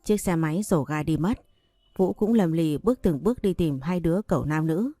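A woman narrating a story in an audiobook with steady, even delivery. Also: low voice, normal speed, no echo, faint music behind.

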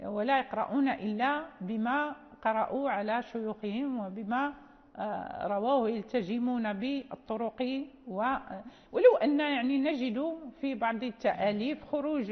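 A woman teaching Quran recitation rules, explaining slowly and repeating phrases with checking questions. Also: a little high. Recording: dull lo-fi sound in a reverberant hall.

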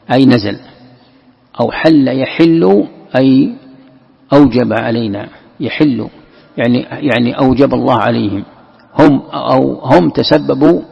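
A man with a deeply gravelly, husky voice teaches a scriptural commentary lesson. He reads a passage aloud, then explains it patiently and repeats key words. The sound is muffled and lo-fi, with a long hall echo. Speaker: Islamic scholar teaching Quran commentary.

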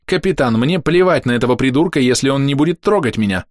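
A man's voice: mid-range voice, animated, fast talker, dry recording, clean studio sound, voice pushed up, lightly acted. A man voicing a tough, blunt young female first officer who talks in a brash, indignant, coarse way in an audiobook.

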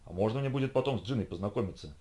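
A man's voice: fairly low pitch, expressive, racing, warm tone, lightly acted. A man voicing a dim-witted young male policeman, naive and questioning. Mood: curious.

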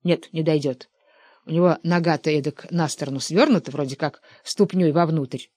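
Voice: medium pitch, normal speed, darkish tone, dry recording, voice pushed down, natural voice. A narrator voicing a stubborn, simple-minded young man who rambles in rustic, colloquial speech. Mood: rambling.

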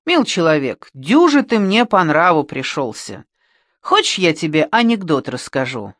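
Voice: mid-range voice, very animated, moderate pace, a bit bright, dry recording, studio quality. A reader voicing an older village shepherd, folksy and fond of drink, for an audiobook. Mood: friendly. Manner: folksy rural speech.

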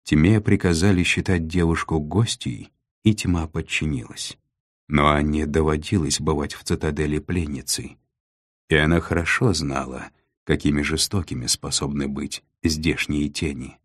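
Man, audiobook narrator, very deep voice, dry close sound, measured. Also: steady tone, husky, no echo. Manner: measured, deliberate storytelling. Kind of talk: scripted narration.

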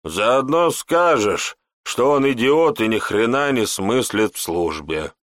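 A man's voice: mid-range voice, animated, takes it slowly, fairly bright tone, dry recording. A man voicing a phlegmatic older male guard, a grandfather, in an audiobook. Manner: phlegmatic, dry.

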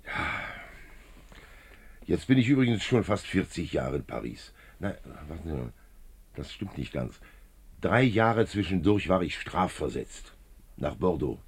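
An actor in a 1950s German radio play as a genial, wily older male police commissioner, jovial, chatty and slyly probing, with a husky voice. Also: low voice, sing-song, a little slow, long pauses, heavily acted. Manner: jovial, chatty, sly probing with little chuckles.

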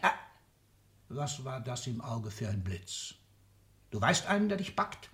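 In a 1960s German radio drama, an older actor voices a sick, overbearing industrialist patriarch who is irascible and hungry for power, speaking in clipped, emphatic, declamatory lines with fervent urgency. His medium-pitched voice is very animated, unhurried, and fairly bright.

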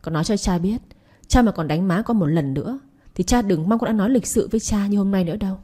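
A woman's voice: mid-range voice, quick pace, dark tone, close to an everyday voice. A woman voicing a young adult son who speaks earnestly and protectively of his mother. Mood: reproachful. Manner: earnest, reproachful.

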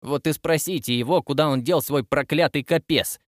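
A man's voice: a little high, expressive, brisk, creaky, no room sound, voice pushed up. A sarcastic ship's cook, played by a male audiobook reader, mocking and smug in his delivery. The sound is dry and close, with no room around it.

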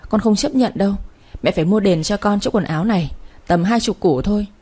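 A woman's voice: mid-range voice, a little fast, warm tone, breathy edge, natural voice. A woman voicing an arrogant young married woman who scolds and screeches insults. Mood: furious.

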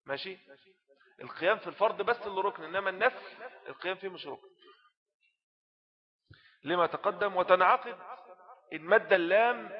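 Male Egyptian teacher, slightly high voice, explains an old text in a casual way, dull lo-fi recording. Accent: Egyptian Arabic. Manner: explains text in colloquial asides, often asks rhetorical questions. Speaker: religious teacher. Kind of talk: Islamic jurisprudence lesson.

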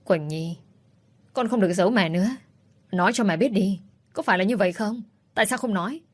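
A loving, protective mother in an audiobook romance, voiced by a woman narrator, soft-spoken and pleading with her child. Her voice is a touch low. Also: moderate pace, natural voice. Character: protective middle-aged mother, tender and grieving.

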